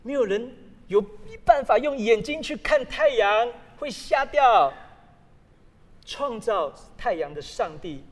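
Lively high-voiced pastor in an echoing hall. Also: male voice, takes it slowly. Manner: animated storytelling with sudden loud exclamations. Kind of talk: sermon. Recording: long hall reverb.

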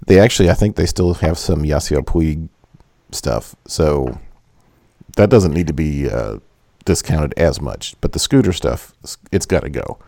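Podcast host, male, very low gravelly voice, jokey and profane, dry close mic. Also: animated, measured pace, dark tone, dry recording. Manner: joking, swears freely. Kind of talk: casual chat.

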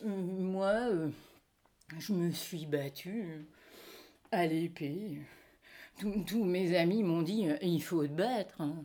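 A woman plays a sheepish, hesitant French husband who has been cuckolded. The voice is lowish, dark and mellow, and it moves very slowly. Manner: hesitant, full of filler sounds.

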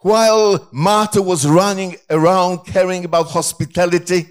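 A man, a pastor, preaching a sermon in short phrases and pausing for an interpreter. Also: sits high, fairly even intonation, clean tone. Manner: slow, halting delivery in short phrases.

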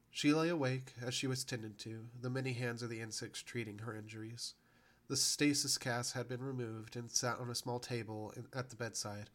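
A man reading a science fiction story aloud as a podcast narrator, telling it in a steady, even way. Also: medium pitch. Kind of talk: scripted narration.

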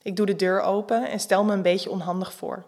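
Woman narrator, erotic audio story, calm reading, mid-pitched voice. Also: a little fast.

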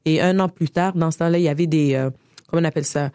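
A woman in her forties from Niger, with a Quebec French accent, telling her life story in a relaxed interview, full of hesitations and laughter. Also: sits low, fast, clean tone, no room sound, clean studio sound. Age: 40s. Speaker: guest. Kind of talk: casual conversational interview.

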